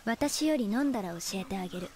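An actress voicing a calm, composed female superior in an anime, speaking softly and evenly. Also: medium pitch, fast talker, crowd noise, natural voice. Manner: calm, soft and even. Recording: anime soundtrack with music behind.

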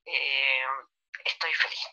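A middle-aged Chilean woman artist, chatting casually and warmly in a remote interview with a Chilean accent, laughing easily. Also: very deep voice, level tone, slow, rough recording. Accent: Chilean Spanish. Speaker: artist guest.

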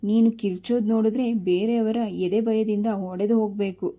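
A busy middle-aged mother from a storybook, short-tempered and scolding, read by a woman. Her voice is dark and mellow and stays on an even pitch. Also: moderate pace, natural voice. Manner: impatient, scolding.

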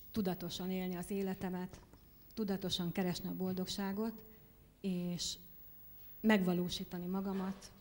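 A woman poet answers questions in a hesitant, reflective way. Her voice is mellow and slightly low, with faint noise under a long hall reverb. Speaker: poet being interviewed. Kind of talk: personal interview answer. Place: library event hall.

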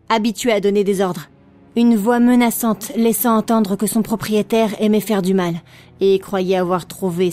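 A woman narrating a fantasy audiobook at a middle pitch, with even, expressive storytelling. Soft music plays quietly underneath her reading.

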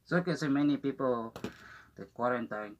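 A man's voice: medium pitch, a little mellow, a little hiss or hum. Man talking through a gas mask. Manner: halting, rambling non-native English with many restarts. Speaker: vlogger unboxing a gas mask. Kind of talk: casual unboxing commentary.

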